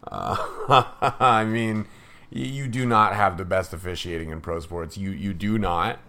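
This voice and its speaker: A low-pitched man hosts a hockey breakdown show in a casual, offhand way. He gives strong opinions, drifts into sarcasm and fills pauses with ums and uhs. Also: sharp tone. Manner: opinionated, sarcastic, with fillers and laughs. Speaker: hockey podcast host.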